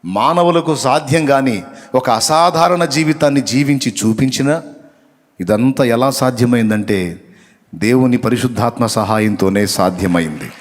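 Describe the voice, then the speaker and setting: A man's voice: medium pitch, unhurried. A man preaching a sermon who reads out Bible verses, asks the congregation questions and repeats key phrases for emphasis. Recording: long reverb of a hall.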